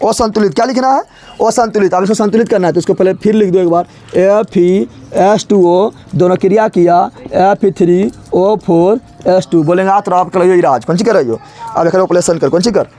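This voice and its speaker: A male teacher teaching a chemistry lesson playfully, often asking a question and answering it himself. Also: high-pitched.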